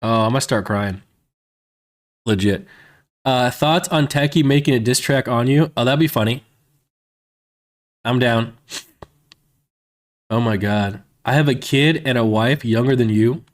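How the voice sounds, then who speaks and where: Reading chat during a casual livestream, a thirty-something man talks at a measured pace with long pauses, his mid-range voice rambling along with frequent "man" and "you know" fillers.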